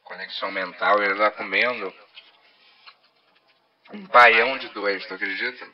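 Brazilian man, half-robot voice effect, lowish pitch, dull lo-fi studio sound, teasing banter. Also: fairly even intonation, moderate pace. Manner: playful, teasing, pretends to be a machine. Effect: half robotic voice filter. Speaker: podcast co-host. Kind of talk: casual jokey banter. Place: podcast studio.

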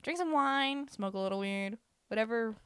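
A woman co-hosting a casual podcast, bubbly and quick to laugh. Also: on the high side, animated, a bit bright, clear, resonant tone, no room sound. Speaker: podcast co-host.

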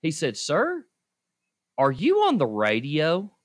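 A podcast co-host tells self-deprecating stories with laughter, speaking slowly in a fairly high voice. His pitch swings widely as he shares these casual anecdotes.

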